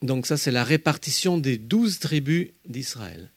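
A man teaching a Bible study, walking listeners through slides with emphatic, lively explanations. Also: medium pitch, measured pace, breathy edge, no room sound.

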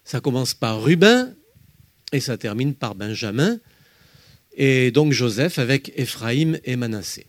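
A man teaching a Bible study, walking listeners through slides with emphatic, lively explanations. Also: mid-range voice, unhurried, no echo.

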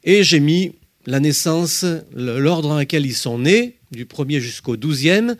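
A man teaching a Bible study, walking listeners through slides with emphatic, lively explanations. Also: a little high, a little slow, no room sound.

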